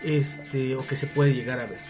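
A man with a Mexican accent telling a story in casual chat, relaxed and slangy, acting out quoted dialogue. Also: mid-range voice, moderate pace, over music.

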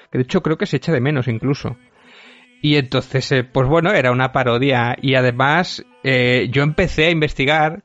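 A man's voice: mid-range voice, dry recording. A man from Spain hosting a podcast, chatting in a rambling, self-deprecating way with lots of fillers. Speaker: podcast host. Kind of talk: casual chat. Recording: dry, dull lo-fi audio.

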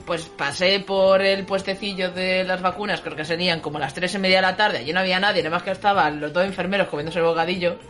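A woman's voice: lowish voice, fast talker, few pauses, soft background music. Chatty woman telling stories. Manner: chatty, animated anecdotes. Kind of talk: casual chat, storytelling.

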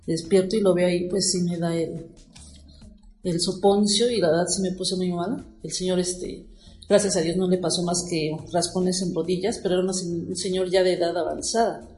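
A woman's voice: fairly low pitch, steady tone, normal speed, darkish tone, faint music behind. Woman recounting a story, echoey room. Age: middle-aged. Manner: emotional, rambling, many fillers like 'este'. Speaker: guest telling a personal story. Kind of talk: casual storytelling.

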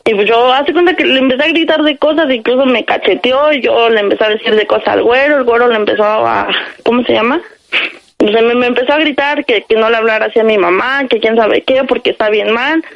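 A woman's voice: a little high, quick pace, vocal fry, muffled recording. Urgent Mexican woman on a prank call. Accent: Mexican Spanish. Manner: urgent, rambling storytelling. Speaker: radio prank caller. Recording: radio broadcast with faint music.

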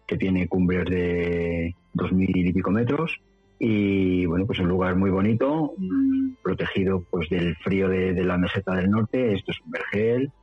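The interview guest, a middle-aged rural mountain dweller from Madrid, Spain, with a central Spanish accent, unhurriedly chats about his life in a casual storytelling manner. His low voice carries a breathy edge and no echo. Dull lo-fi audio, faint music.

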